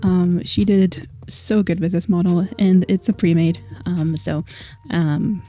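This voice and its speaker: With faint music behind her, a Scottish-origin vtuber streamer talks in a lowish, warm voice, fairly even in intonation and a little slow. Her accent comes across as mostly American, and her casual chat with viewers is apologetic and filler-heavy.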